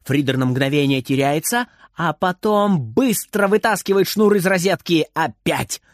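A man reads a children's story in a highish voice that rises and falls a lot. His delivery is theatrical, and the dry recording sounds close to the mic. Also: measured pace, no echo. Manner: lively, theatrical. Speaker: narrator. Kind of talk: expressive storybook reading.

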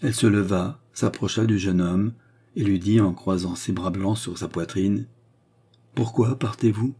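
A man reading a classic novel aloud as an audiobook, with measured storytelling and lightly voiced dialogue. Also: low voice, steady tone, mellow, husky. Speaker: audiobook reader. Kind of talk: scripted narration of a classic novel.

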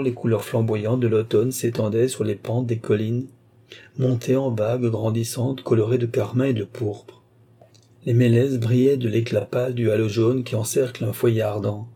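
A man reading a literary novel aloud in a measured, steady manner. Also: medium pitch, husky. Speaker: audiobook reader. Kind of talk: scripted literary narration.

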